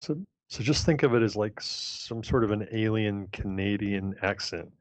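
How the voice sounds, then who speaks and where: A man's voice: on the low side, moderate pace, no room sound. A man co-hosting a casual live stream, easygoing, with short interjections and dry jokes. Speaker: co-host. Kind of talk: casual livestream chat. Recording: dull, lo-fi dry remote mic.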